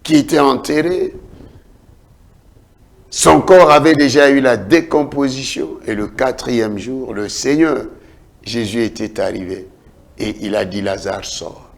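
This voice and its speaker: A man preaching a sermon as a prophet, declaiming in a repetitive cadence and swinging from loud calls to hushed lines. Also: fairly low pitch, gravelly. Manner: dramatic preaching with big swings between shouts and hushed lines.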